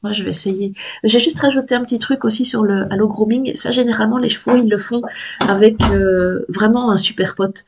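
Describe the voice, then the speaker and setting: A woman's voice: mid-range voice, creaky, darkish tone. A woman hosting a podcast, upbeat and laughing easily as she introduces topics. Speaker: podcast host. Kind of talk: casual podcast chat.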